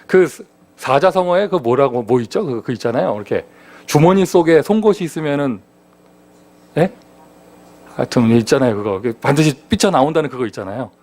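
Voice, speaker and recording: Male pastor, sermon, lively swooping delivery, slightly high voice, rhetorical questions. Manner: animated, conversational preaching with rhetorical questions. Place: church sanctuary.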